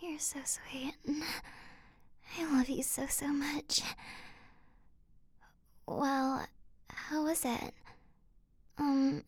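A young woman voicing an affectionate shapeshifter girlfriend in an intimate audio roleplay, speaking in breathy, soft whispers with a playful, coaxing manner, close to the microphone. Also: sits high, steady tone, extremely slow, pauses often, exaggerated voice.

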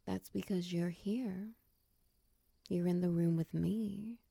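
Slow, gravelly soft-voiced woman soothing. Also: lowish voice, fairly even intonation, no room sound, clean studio sound. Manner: soft, soothing, slips into whispers; guides slow breathing counts. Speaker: comforting partner in an audio roleplay. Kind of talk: ASMR comfort roleplay.

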